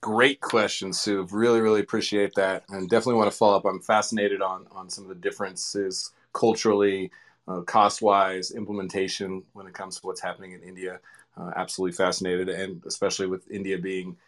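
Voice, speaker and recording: Low-voiced guy running a roundtable, warm and upbeat, keeps handing off questions. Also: level tone, a little fast. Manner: enthusiastic, affirming, hands off questions. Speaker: panel moderator. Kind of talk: moderating a roundtable.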